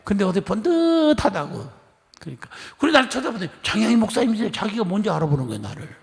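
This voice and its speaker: A middle-aged man from Korea's Chungcheong region preaching a lively, chatty sermon, acting out conversations and coaxing the congregation to respond. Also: high-pitched, fast, creaky. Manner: chatty storytelling, acting out dialogue. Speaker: pastor. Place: church sanctuary. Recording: long church hall reverb.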